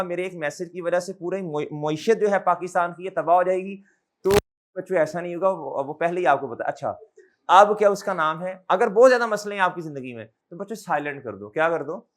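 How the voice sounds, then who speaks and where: A man's voice: high-pitched, brisk. A male accounting lecturer with a Pakistani Urdu accent, talking to his class in a fatherly, scolding way and firing questions back at the students for a chorus answer.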